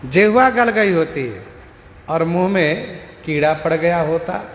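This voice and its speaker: A man giving a devotional scripture discourse, explaining verses slowly and repeating lines for emphasis. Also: on the high side, animated, highs cut off. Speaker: scripture expounder. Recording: echoey hall with long reverb and faint noise.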